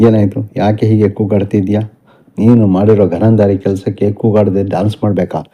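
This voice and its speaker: Brief: distraught young wife, read by a man, deep even tone, muffled sound. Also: normal speed. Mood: bitter. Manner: plain reading voice, barely changed for the character. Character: distraught young wife and teacher, angry and tearful. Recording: dull lo-fi recording.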